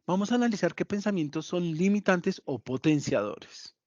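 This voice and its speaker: Man, psychologist lecturing, slightly high voice, emphatic repeats, dry dull lo-fi recording. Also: expressive, normal speed, a little mellow, dry recording. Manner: repeats key points for emphasis, addresses listeners directly. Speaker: psychologist giving a talk. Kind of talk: motivational lesson.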